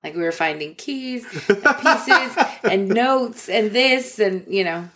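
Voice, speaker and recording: A woman's voice: mid-range voice, animated, slow, a bit bright. A woman in her forties co-hosting a podcast, teasing in a dry, matter-of-fact way during casual chat. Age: 40s. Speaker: podcast co-host.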